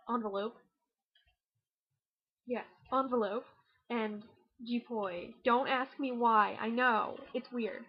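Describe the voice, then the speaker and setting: A young Canadian woman with a Canadian accent talks casually through an accent challenge, chatty and self-mocking, rushing through her words. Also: fairly high pitch, breathy edge, lo-fi sound. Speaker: vlogger.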